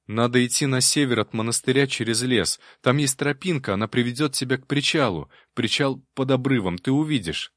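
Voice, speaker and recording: A man's voice: mid-range voice, brisk, few pauses, a bit bright, dry recording, studio quality, voice pushed up, close to an everyday voice. A man voicing a frightened, stubborn young novice monk who talks in a desperate, pleading way. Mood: anxious.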